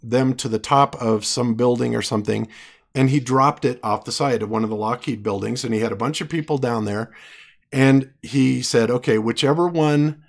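A man who is losing his voice, arguing his case in an online debate with halting speech and frequent restarts. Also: mid-range voice, gravelly. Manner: halting, many restarts and fillers. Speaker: debater presenting evidence.

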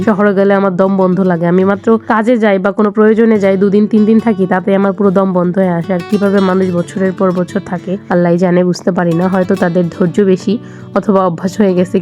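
A young woman from Bangladesh talks through her family day out as a vlogger, chatty and rambling. She speaks quickly in a mellow, warm tone, with soft music playing faintly under the voice-over. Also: mid-range voice. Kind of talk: casual voice-over narration.

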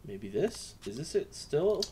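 A man's voice: fairly high pitch, sing-song, slow, mellow, husky. A man casually playing a game on camera, joking and repeating lines back. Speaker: gameplay commentator. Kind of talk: casual let's play commentary.

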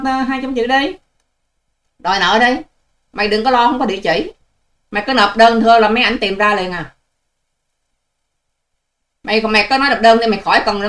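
Fast, combative older woman. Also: a little high, a bit bright. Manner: combative, scolding, sarcastic. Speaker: online channel host. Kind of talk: ranting vlog monologue to viewers.

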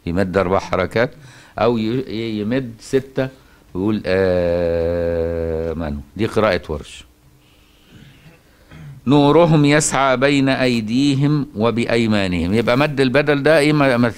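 Fast-talking Egyptian man teaching Quran. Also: fairly low pitch. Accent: Egyptian Arabic. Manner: conversational, asks rhetorical checks, chants verses slowly. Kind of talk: colloquial religious lesson.

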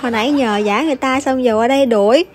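A woman's voice: high-pitched, fast, crowd noise, background noise. A young woman gives teasing, chatty commentary over her gameplay and laughs often. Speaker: gaming YouTuber. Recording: voice over loud background music.

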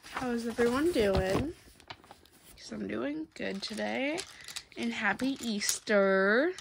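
Over a noisy background, a woman with a fairly high, gravelly voice talks to her viewers while she colors. She has a cold and sounds congested, keeping things soft, slow and chatty with pauses. She hosts a coloring channel, filmed from overhead on her hands.

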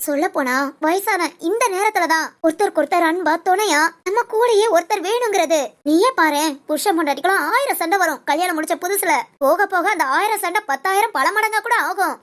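A woman voices a caring older woman friend in a storybook drama, speaking in a very high voice. She coaxes and presses insistently, refusing to let the matter drop. She talks like an elder who feels entitled to speak her mind. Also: a little fast, hardly any pauses, fairly bright tone. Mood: persuasive. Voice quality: coaxing, insistent. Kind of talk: audio story role-play.

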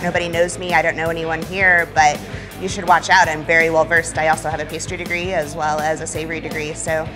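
A young woman speaking as a chef and contestant in an on-camera interview. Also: low voice. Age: young adult. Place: indoors at a brewery. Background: background music.

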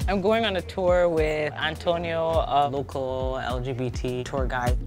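Deep-voiced woman, calm and earnest. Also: a little slow, over music. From Barbados. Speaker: entrepreneur and advocate. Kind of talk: reflective documentary narration.

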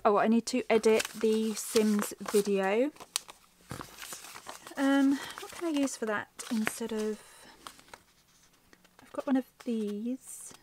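A woman's voice: fairly high pitch, steady tone, slow pace, pauses often, noisy background. A middle-aged woman rambling and thinking aloud as she plans, her voice a little worn as it starts to go. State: losing her voice. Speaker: planner vlogger. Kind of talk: chatty plan-with-me narration.

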